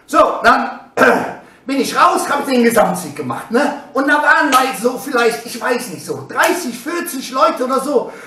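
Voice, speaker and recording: Middle-aged man, casual storyteller with constant "ne?" tags and shouted exclamations, very high and bright, recorded echoey at a distance. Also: measured pace, slight background noise. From Germany. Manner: animated, tags nearly every phrase with "ne?", bursts into shouted exclamations. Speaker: bodybuilder telling his past. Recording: echoey room, voice away from the mic.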